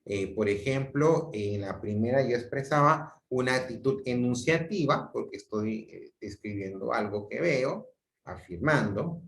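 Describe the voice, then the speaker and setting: A man's voice: mid-range voice, animated, unhurried, creaky, fairly bright tone, echoey room. A male teacher explaining grammar in an online class, full of self-corrections and repeated phrases. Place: home room on a video call. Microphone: video call mic.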